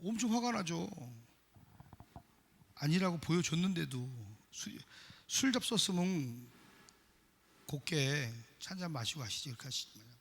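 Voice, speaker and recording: A middle-aged man preaching a sermon as pastor, emphatic, swinging from loud exhortation to quiet confession. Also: fairly high pitch, expressive, a little slow, vocal fry, pauses often, husky. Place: church sanctuary. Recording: long church hall reverb.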